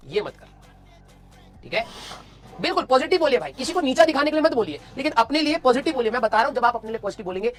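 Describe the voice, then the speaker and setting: Fast-talking motivational male teacher. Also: high voice. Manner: blunt, scolding yet encouraging, asks "clear?". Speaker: coaching teacher. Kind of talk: motivational class talk.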